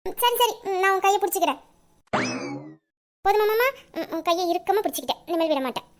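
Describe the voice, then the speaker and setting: A woman voicing a sharp-tongued young office assistant in an audio drama, grumbling asides under her breath. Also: very high-pitched, normal speed. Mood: sweet. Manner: grumbling asides, exasperated muttering. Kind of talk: Tamil audio drama acting.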